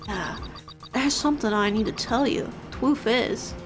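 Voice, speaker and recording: A woman's voice: on the high side, a little slow, music in the background. A woman voicing a sinister male caller who hides his voice with a voice changer, taunting as she reads game dialogue aloud. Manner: mocking, taunting. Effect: voice-changer disguise, imitated vocally.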